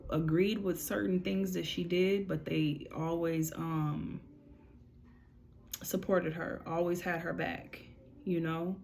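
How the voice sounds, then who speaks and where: Woman medium with a low, gravelly voice, passing on messages informally, one "she said" after another. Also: a little mellow, slight background noise. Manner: relays messages with repeated "she said", conversational and informal. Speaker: spiritual medium giving readings. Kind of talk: casual channeling monologue.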